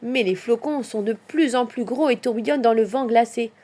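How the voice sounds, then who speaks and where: A woman narrating a children's Christmas story in an expressive storyteller's manner. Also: fairly high pitch, normal speed. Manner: expressive, lilting.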